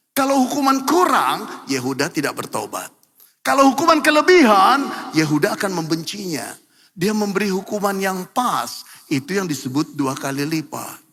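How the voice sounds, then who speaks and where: A man preaching a sermon as pastor, emphatic and building to loud repeated cries. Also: sits high. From Indonesia. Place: large church hall. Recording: echoey church hall, long reverb.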